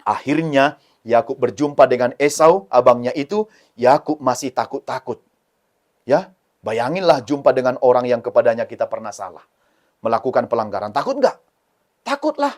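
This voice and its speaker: A man telling a Bible story as a Sunday school sermon, animated and speaking directly to the children. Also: mid-range voice.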